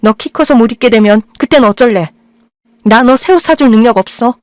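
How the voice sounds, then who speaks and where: A woman playing a harsh, irritable middle-aged mother in an audio drama, snapping in sharp scolding tones. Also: a little high, a little fast, dry recording, studio quality, natural voice.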